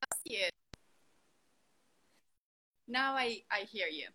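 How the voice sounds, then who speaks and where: Slow woman on a video call. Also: mid-range voice, animated, sharp tone, a little hiss or hum, low-quality recording. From Italy. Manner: hesitant, with many fillers. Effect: heard over a live video call. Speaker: guest doctor. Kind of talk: live video-call interview.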